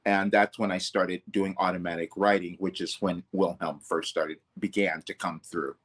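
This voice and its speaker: In a reflective interview, a vocal coach talks earnestly and loosely, frequently stopping to correct himself partway through sentences. He has a low, slightly bright voice with a flat delivery at a moderate pace.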